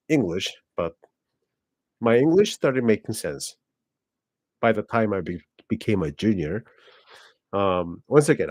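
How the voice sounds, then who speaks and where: In a dry recording, a man in his forties from South Korea hosts a casual personal vlog, his voice on the low side with a darkish tone and a Korean accent. As a native Korean speaker, he wanders through his monologue with many fillers and corrections of himself.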